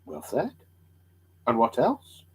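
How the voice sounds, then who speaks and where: A man playing an eager, credulous, curious traveller with hammy, excitable stage delivery in a dramatic storybook reading. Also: mid-range voice, takes it slowly, husky, pitched below the performer's own voice, heavily acted. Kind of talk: dramatic reading of old allegory.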